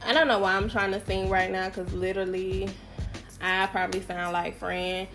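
A young woman hosts her podcast solo while sick with a summer cold, her medium-pitched voice nasal and her delivery flat at a normal pace, with music in the background. Her chat is casual and playful, full of self-deprecating, slangy asides.

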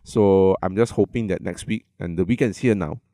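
A man's voice: deep voice, normal speed, warm tone, no echo, studio quality. A man with a Malaysian accent co-hosting a casual comedy podcast, speaking Malaysian slang English with local particles and plenty of swearing. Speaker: podcast co-host.

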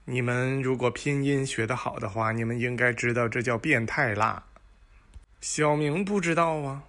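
A man's voice: mid-range voice, moderate pace, a bit bright. Man telling corny, teasing dad jokes. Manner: playful teasing, acts out dialogue in jokes. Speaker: host of a joke show.

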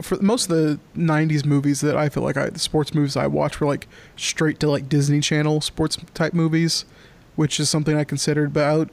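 Young man chatting, lots of "like". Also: on the high side. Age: young adult. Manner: filler-heavy, lots of "like". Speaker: podcast co-host. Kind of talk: casual chat.

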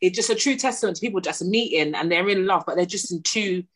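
A woman's voice: fairly low pitch, quick pace, slightly rough. A woman, thinking aloud in emphatic, slangy casual chat.

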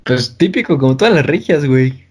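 A man's voice: mid-range voice, lively intonation, a little fast, darkish tone, slightly rough. A young man from Mexico City talking in a casual, slangy, joking way as a podcast co-host. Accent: Mexico City Spanish. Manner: slangy, joking, imitates northern speech. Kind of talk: casual chat.

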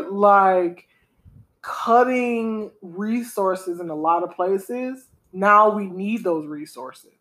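A woman's voice: medium pitch, extremely slow, fairly bright tone. A woman co-hosting a podcast from home, chatting casually and animatedly with an opinionated tone and a lot of "y'all". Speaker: podcast co-host.

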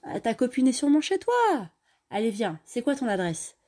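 A woman's voice: a little high, very animated, normal speed, dark tone, pitched above the performer's own voice. A woman voicing a pushy young guy. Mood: casual. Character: young man, pushy but friendly clubgoer.

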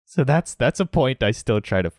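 A young man in a casual interview, talking about learning Japanese, relaxed, often laughing and saying "like". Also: mid-range voice, normal speed, no room sound, studio quality.

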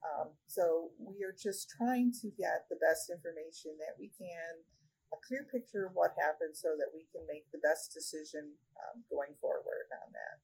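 A woman who directs a regional office of a state agency, answering interview questions in a measured way with many fillers. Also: sits low, vocal fry, a little mellow, slightly rough, rough recording. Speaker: regional director of a state human rights agency, podcast guest.

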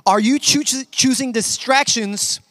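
Male pastor, sermon, higher voice, animated storyteller acting out characters, dry close sound. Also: takes it slowly, no room sound. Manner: animated storytelling, acts out voices, laughs at himself.

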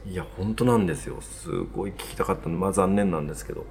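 A man's voice: deep voice, fast. A man hosting a podcast in casual chat, backchanneling often and asking the guest questions. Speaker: podcast host.

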